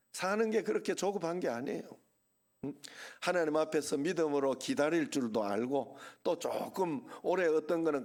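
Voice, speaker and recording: A man's voice: on the high side, a little mellow. A middle-aged male pastor with a Gyeongsang accent, preaching a sermon in a chatty way and often throwing questions to the congregation. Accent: Gyeongsang Korean. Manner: conversational, asks the congregation questions. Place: church sanctuary.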